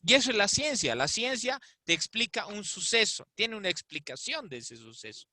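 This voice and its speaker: A man's voice: high voice, big pitch swings, moderate pace, sharp tone, dry recording. A man giving an explanatory talk in a discussion, often asking rhetorical questions. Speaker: invited speaker. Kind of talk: conversational talk in an online discussion.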